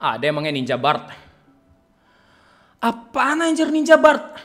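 A young man streaming a game, chatting loudly and teasingly with his viewers and laughing often. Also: very high-pitched, measured pace, faint music behind. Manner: loud, teasing and excitable, with frequent laughter and repeated "ya kan". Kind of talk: casual live-stream chat.

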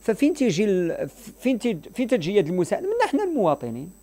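A man's voice: high-pitched, huge pitch swings, racing, warm tone. A man with a Moroccan accent in impassioned radio talk, emphatic and moralizing, repeating his points. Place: radio studio.

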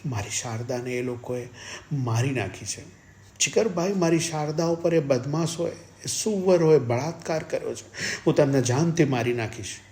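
A man's voice: normal speed, dark tone, natural voice. A man doing a frantic, grief-crazed husband. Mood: raging. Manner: high, raging, cursing outbursts.

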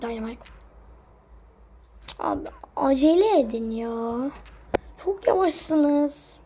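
A woman with a high voice talks through a game at an unhurried pace. She mutters quietly to herself, then breaks into exasperated, cursing cries at her teammates. A faint hiss of noise sits under her voice. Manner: excitable, frustrated outbursts and cursing at teammates; drops to muttered asides between loud cries. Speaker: gaming streamer. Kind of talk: live gameplay commentary.

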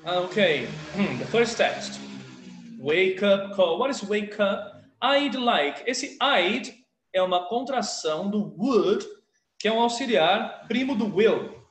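A man with a fairly high voice that rises and falls a lot, teaching an English class. He reads practice dialogues and explains words slowly and patiently, recorded in an echoey room. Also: lively intonation, slight background noise. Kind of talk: online video lesson.

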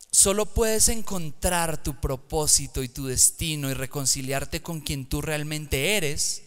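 A man preaching a lively sermon to young people in a church, swinging from hushed, slow words to loud, emphatic calls. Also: on the high side, clear, resonant tone. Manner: dynamic, swings from hushed to shouting. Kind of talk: sermon to youth.

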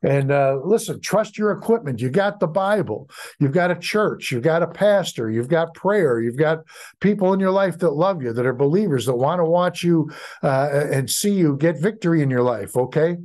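Middle-aged American male pastor, preaching with many ums and restarts, slightly high voice. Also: expressive, darkish tone. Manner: halting, many fillers and restarts. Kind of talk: sermon.

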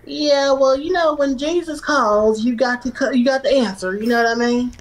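A woman of twenty from Louisiana, joking around on a livestream with a playful, bawdy manner and sudden shouted outbursts, recorded on a phone in a small bedroom. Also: high-pitched, moderate pace, poor audio. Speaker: livestream host. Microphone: phone camera at arm's length.

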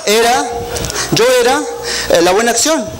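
Andean Peruvian comedian telling a story on stage. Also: male voice, very high voice, animated, normal speed, a loud crowd. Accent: Andean Peruvian Spanish. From Peruvian Andes. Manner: self-mocking storytelling with frequent tag questions. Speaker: stand-up comedian. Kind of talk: stand-up comedy monologue. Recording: live stage recording with loud background noise.

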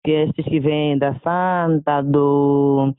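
A woman's voice: deep voice, steady tone, drawn-out words, clean tone, no echo. A woman, a doctor summing up the community health event she organized. She talks in long lists and repeats words for emphasis. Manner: repetitive, stacking lists. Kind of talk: event summary in a report. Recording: tinny phone-like sound.

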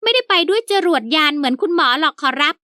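Woman doing a squeaky, cheeky male servant. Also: expressive, quick pace, sharp tone, a little hiss or hum. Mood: sulky, pleading. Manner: keeps saying a stock polite word of deference. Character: cheeky old-time male house servant, sulky and wordy.

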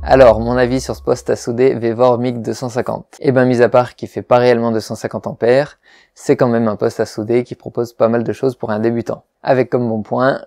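A man's voice: mid-range voice, creaky, dark tone, dry recording, clean studio sound. A man hosting a welding channel, giving a plain, frank and methodical product review narration.

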